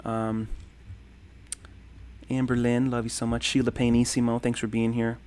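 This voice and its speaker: Here a man in his thirties chats casually on a livestream, working through comments. His medium-pitched voice is monotone, slightly mellow and smooth, at normal speed, and his easygoing rambling is full of ums and thanks.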